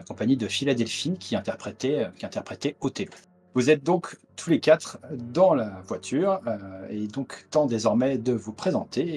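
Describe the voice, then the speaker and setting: A man's voice: medium pitch, a little mellow, breathy edge. A man narrating a tabletop horror game as game master over a video call, with many hesitant fillers. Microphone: headset on a video call.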